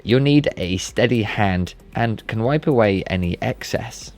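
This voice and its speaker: This man's lowish, slightly mellow voice is expressive and unhurried as he narrates a scripted, step-by-step tutorial for his maker channel. Music plays in the background.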